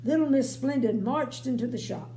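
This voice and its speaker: A woman's voice: high-pitched, normal speed, warm tone. An older woman, a grandmother, reading a children's story aloud with folksy, chatty asides. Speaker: grandmother reading bedtime stories. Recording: roomy home recording, faint hum.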